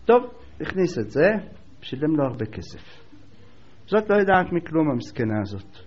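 A man telling a religious folk tale aloud, with lively repetition and quick quoted asides for the characters. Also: medium pitch. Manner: animated, voices the characters in quick asides, repeats words for rhythm. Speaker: storyteller. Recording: dull lo-fi recording.

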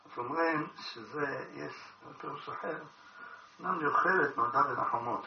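A man's voice: medium pitch, creaky, dull audio, slight background noise. A man giving a Torah study lecture, expounding a text and posing rhetorical questions, recorded from a distance in an echoey room.

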